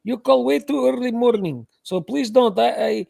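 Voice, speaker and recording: A man putting on a confused, forgetful caller who leaves a loud voicemail in halting broken English on a livestream prank call. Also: extremely high pitch, vocal fry, no room sound, clean studio sound, exaggerated voice. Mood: exasperated. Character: confused middle-aged man with a fuzzy memory, leaving a voicemail.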